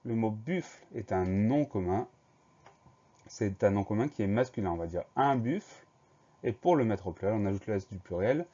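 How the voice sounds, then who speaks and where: A man teaching a spelling dictation lesson, going slowly and carefully and spelling each word letter by letter. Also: on the low side, lively intonation, dark tone, dull audio.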